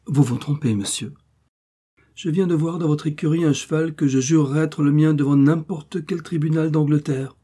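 A man's voice: on the high side, fairly even intonation, normal speed, mellow, husky, voice pushed up. A man reading the part of a determined young male traveler, speaking firmly and insistently.

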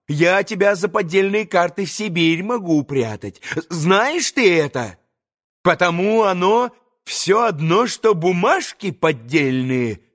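A man reading aloud plays a shrewd, blunt innkeeper who talks roughly and accusingly. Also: fairly high pitch, fairly bright tone. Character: shrewd, blunt male innkeeper, scolding and sly.

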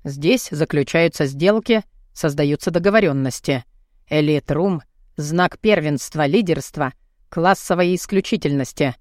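A man's voice: on the high side, unhurried, no echo, studio quality, close to an everyday voice. A woman reading the part of a smug wealthy man showing off his elite club, in an audiobook. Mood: boastful.

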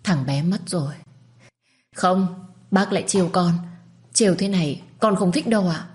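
A woman's voice: fairly low pitch, moderate pace, a little mellow, pitched above the performer's own voice, lightly acted. A woman voicing a heartbroken young pregnant wife who pleads tearfully. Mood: desperate.

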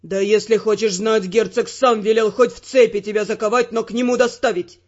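A woman's voice: mid-range voice, fairly even intonation, fairly quick, lo-fi sound, pitched below the performer's own voice, lightly acted. A woman voicing a stern senior male spy who scolds harshly, in an audiobook reading. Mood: stern, angry.

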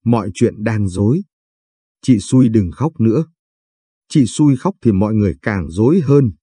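A man's voice: lowish voice, expressive, moderate pace, mellow, slightly rough, dry recording, clean studio sound. A man voicing a weary, sighing old grandfather. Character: worried grieving old grandfather.

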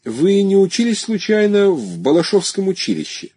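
A man's voice: high voice, huge pitch swings, moderate pace, mellow, breathy edge, dry recording, voice pushed up, full character voice. A man reading an audiobook, voicing an effusive, talkative former classmate who rambles through old memories. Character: chatty nostalgic former classmate, adult man. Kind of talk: audiobook character voice.

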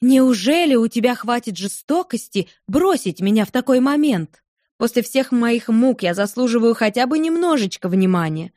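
Woman reads wounded, wilful young wife, higher voice, dry close audiobook sound. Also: expressive, normal speed, darkish tone, no room sound, close to an everyday voice. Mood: reproachful. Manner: pleading, reproachful, playful turning angry. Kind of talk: audiobook character voice.

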